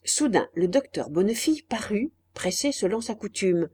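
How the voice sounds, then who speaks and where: A woman narrating a classic novel as an audiobook, measured and expressive. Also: mid-range voice, slightly rough.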